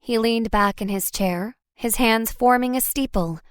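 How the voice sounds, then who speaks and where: A woman's voice: fairly high pitch, measured pace, smooth, dry recording, clean studio sound. A woman reading a first-person audiobook chapter in a light, wry storytelling manner. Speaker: audiobook narrator. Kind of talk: first-person scripted narration.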